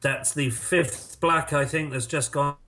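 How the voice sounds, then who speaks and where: Man, bright forceful tone, higher-than-average pitch, snooker commentary, measured shot calling, casual dry banter. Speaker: podcast host doing snooker commentary.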